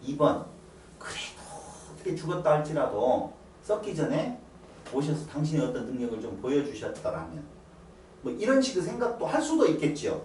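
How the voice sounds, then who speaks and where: A middle-aged man preaches with a lively, swinging pitch, drawing his congregation into call-and-answer. His voice carries through a roomy church sanctuary from a mic set some distance away. A faint ambience hums underneath. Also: moderate pace, a little hiss or hum. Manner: animated, coaxing listeners to answer. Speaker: pastor. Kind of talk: lively sermon with questions to the congregation.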